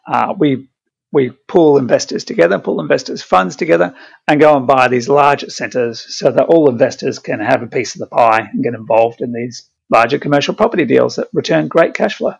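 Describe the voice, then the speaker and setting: An Australian man from Brisbane, a guest answering interview questions over a lagging satellite audio link, measured and explanatory with frequent ums. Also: medium pitch, creaky, breathy edge. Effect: remote guest heard over a lagging satellite audio link. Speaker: podcast guest, property fund manager. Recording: dull lo-fi satellite audio line.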